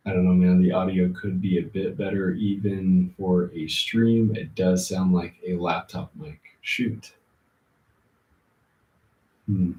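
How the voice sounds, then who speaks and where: A man hosting a casual livestream, answering chat comments informally and thinking aloud in a halting way. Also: deep voice, steady tone. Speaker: livestream host. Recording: roomy, muffled, distant laptop-like mic.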